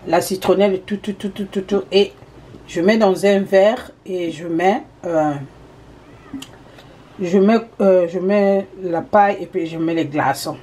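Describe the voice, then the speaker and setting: A woman's voice: mid-range voice, steady tone, a little slow, dark tone. A woman telling a personal anecdote in a casual way, with many hesitations and repeated words, now and then slipping into English phrases. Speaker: storyteller addressing viewers.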